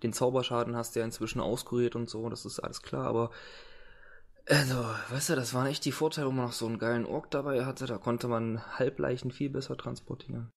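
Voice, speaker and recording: A man's voice: mid-range voice, flat delivery, fast, creaky. A man running a tabletop role-playing game as game master, casual and joking with coarse slang.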